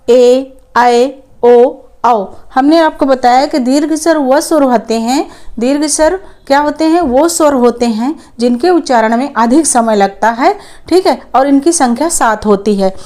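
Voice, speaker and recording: A young woman teaching Hindi grammar in an online lesson. She asks questions and answers them herself, repeats each point, and draws out the vowels slowly when she demonstrates them. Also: high-pitched, a little mellow.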